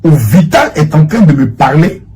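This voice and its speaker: Husky animated man commentating. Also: on the high side, moderate pace, soft background music. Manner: animated, rambling, repeats himself while searching. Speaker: online commentator. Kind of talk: livestream commentary reading chat screenshots.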